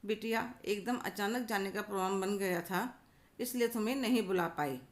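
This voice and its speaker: A woman voicing a gracious, affectionate widowed mother-in-law in a storybook tale, speaking gently. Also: mid-range voice, moderate pace, natural voice.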